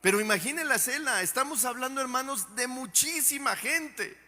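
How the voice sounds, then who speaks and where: Pastor guy preaching, keeps asking the congregation questions, high voice, echoey church. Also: lively intonation, normal speed, pushed and bright. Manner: emphatic, asks the congregation rhetorical questions. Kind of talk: sermon.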